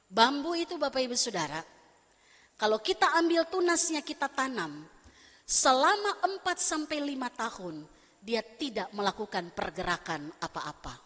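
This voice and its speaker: A woman pastor preaching a lively, fast-talking sermon and acting out bits of everyday conversation with her congregation. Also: high-pitched. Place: church sanctuary. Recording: long church hall reverb.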